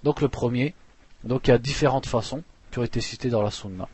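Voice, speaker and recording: A man teaching a religious lesson, reading passages fast and then explaining them plainly with restarts. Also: medium pitch, darkish tone. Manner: reads Arabic passages quickly, then explains slowly with restarts; clears throat now and then.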